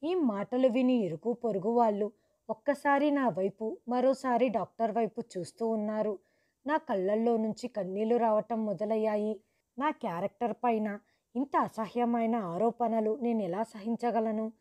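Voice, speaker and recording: A woman telling a first-person story in a steady, earnest narrating voice. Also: on the high side, moderate pace.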